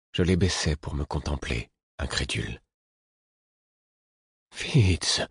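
A man with a husky voice reading a literary novel aloud in a measured, intimate first-person style. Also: a bass voice, no echo, clean studio sound. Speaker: audiobook narrator. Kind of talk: scripted literary narration.

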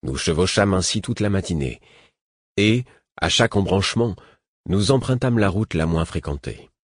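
A man narrating a fantasy audiobook in the first person at a steady pace. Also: deep voice, moderate pace, no echo, clean studio sound.

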